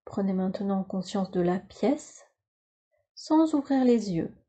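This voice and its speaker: In a calm, instructional manner, a woman teaches yoga nidra, guiding relaxation in measured phrases. She has a mid-range, slightly rough voice.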